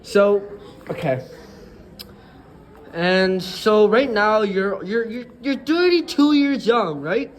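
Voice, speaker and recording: A man's voice: high-pitched, animated, takes it slowly, pauses often. A young man playing interviewer in a comedy skit, hesitant and full of fillers. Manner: hesitant, lots of fillers, giggling. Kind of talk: improvised comedic mock interview.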